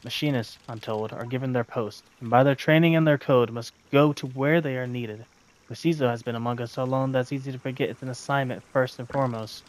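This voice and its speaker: A man reading a story game aloud in measured, thoughtful narration with occasional commentary. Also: medium pitch, steady tone. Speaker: gaming video narrator.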